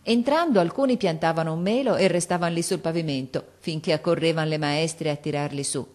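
A woman with a low-pitched voice narrates a classic novel as an audiobook. Her storytelling is measured and expressive.

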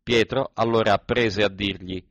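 A man with a fairly low voice reads scripture aloud in a measured, even recitation. The sound is dry and close, with no room around it. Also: no echo, highs cut off. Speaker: scripture reader.

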